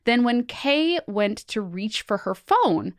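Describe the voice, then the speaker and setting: A woman co-hosting a podcast, retelling listener ghost stories in an animated, joking way. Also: on the high side, slow pace, no echo, clean studio sound. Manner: animated, swears and laughs. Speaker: podcast co-host. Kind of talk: casual podcast chat, reading listener stories.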